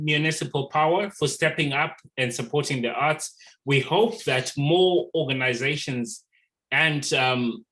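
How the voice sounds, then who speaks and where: A man hosts an art talk over a video call, and his voice sits in a middling pitch. He rambles through the announcements, stopping often on ums and restarting his sentences. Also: a bit bright, rough recording. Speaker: host of an online art talk.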